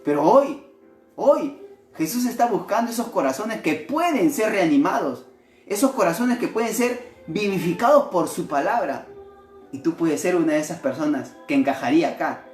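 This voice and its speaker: A male missionary preacher delivering a devotional sermon in an animated way, often asking his listeners rhetorical questions. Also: high voice, moderate pace. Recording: echoey room with faint music.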